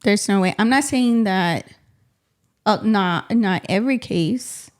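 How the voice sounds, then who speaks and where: A woman co-hosting a podcast in casual, animated conversation, often adding "you know what I mean" and "man". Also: medium pitch, takes it slowly. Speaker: podcast co-host. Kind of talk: casual chat.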